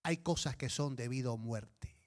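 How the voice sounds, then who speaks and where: A male pastor preaching a sermon, telling stories with emphatic, animated delivery. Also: mid-range voice, normal speed.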